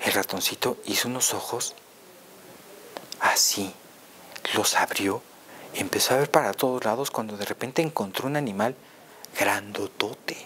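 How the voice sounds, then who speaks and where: A male storyteller, narrating a children's tale in a lively, playful way. He leans on repetition and reaches up and down in pitch to act out the scenes. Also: a little hiss or hum.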